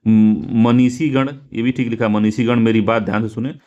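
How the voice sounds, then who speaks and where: A man's voice: lowish voice, fairly even intonation, moderate pace, mellow, highs cut off. A man teaching exam students, going through spelling and grammar questions and repeating each correct form several times while asking the class rhetorical questions. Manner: repetitive, drilling correct forms aloud, asking rhetorical questions. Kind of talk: explaining Hindi spelling and grammar quiz answers.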